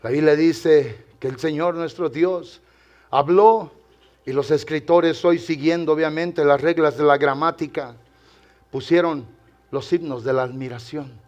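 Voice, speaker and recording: A pastor delivers a sermon directly to his congregation, sinking into hushed tones before rising to loud, exclamatory passages. His voice is fairly high and his pace measured, though the audio is dull.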